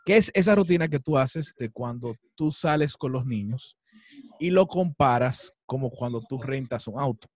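A man's voice: medium pitch, animated, normal speed, dry recording. A man hosting a casual interview with a fellow comedian, chatty and retelling his own reactions with quoted asides. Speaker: interview host.

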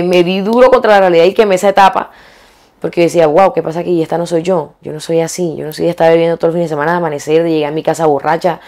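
A young woman from Colombia, a singer being interviewed, talking frankly and colloquially, pausing and restarting as she thinks. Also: lowish voice, a little mellow. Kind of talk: candid interview conversation.

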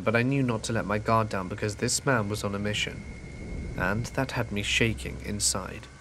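A man narrating a true scary story in a calm, measured way, dropping quieter at tense moments. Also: lowish voice, a little hiss or hum. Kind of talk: scripted narration.

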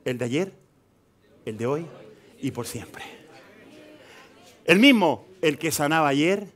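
A man with a Chilean accent preaching a live sermon in church, swinging between quiet asides and loud, emphatic stretches. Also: on the high side, lively intonation, takes it slowly. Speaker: pastor. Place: church hall.

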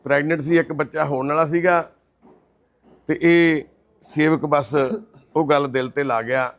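A man narrating a charity case in a gentle, measured manner. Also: fairly high pitch, fairly even intonation. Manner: gentle, consoling, measured delivery. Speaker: charity worker presenting a case. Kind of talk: documentary-style narration and on-site questioning.

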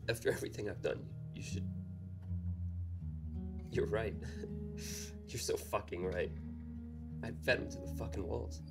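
Self-loathing, desperate man for film drama; slow, stammering, pleading delivery under clear music. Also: fairly low pitch. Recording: prominent music behind the voice.

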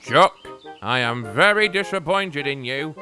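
A man's voice: on the high side, lively intonation, measured pace, sharp tone, soft background music, heavily acted. Sir Topham Hatt, a man doing a stern railway boss. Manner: severe, scolding.

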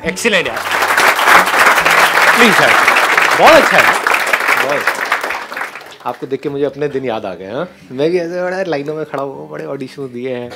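A man giving an animated, encouraging motivational talk to an audience, often laughing. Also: medium pitch, fairly quick, crowd noise. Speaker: speaker on stage.

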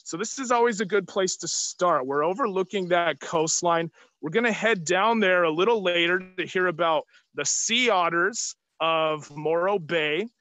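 A man's voice: high voice, moderate pace, pushed and bright, dry recording. A man in his thirties speaking up through a surgical face mask as an upbeat tour guide, hosting a live outdoor tour for children and putting questions to them. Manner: projecting, upbeat, asking the audience questions. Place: outdoors on an open hilltop terrace. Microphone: phone or camera at arm's length, video call.

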